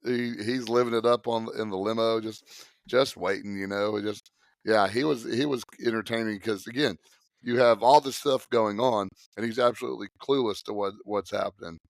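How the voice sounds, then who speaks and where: A man co-hosting a casual movie podcast, chatty and relaxed, with a slight cough. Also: on the low side, moderate pace, vocal fry, no room sound, clean studio sound. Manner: relaxed, chatty, acts out lines in quotes. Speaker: podcast co-host.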